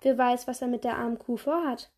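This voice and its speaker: A woman's voice: on the high side, fairly even intonation, fairly quick, a little mellow, natural voice. A woman voicing a stern, fiery female neighbor who scolds firmly, read from a storybook. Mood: indignant. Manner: scolding, firm.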